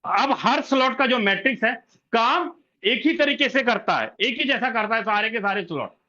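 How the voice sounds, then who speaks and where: A man's voice: very high-pitched, animated, moderate pace, bright, forceful tone. A man explaining a plan step by step at a whiteboard, repeating himself and answering his own questions, on a dull lo-fi recording. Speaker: presenter explaining a referral plan.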